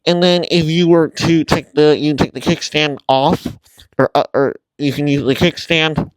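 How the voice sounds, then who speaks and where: A man hosting a casual tutorial vlog, talking informally and haltingly through a mask that muffles his mouth, often apologetic. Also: on the high side, fairly even intonation, dry recording, low-quality recording. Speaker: video host.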